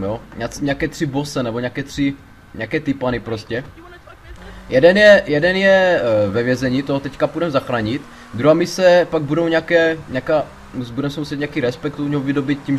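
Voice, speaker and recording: A man giving casual gameplay commentary, excitable, swearing a lot and panicking loudly when things go wrong. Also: fairly high pitch, a little hiss or hum. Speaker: let's play gamer.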